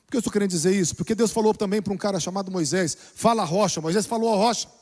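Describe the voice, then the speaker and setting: High-voiced preaching pastor in a hall. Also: male voice, rapid-fire. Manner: preaching with dramatic shifts between soft and loud. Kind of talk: sermon. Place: church. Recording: long reverb of a church hall.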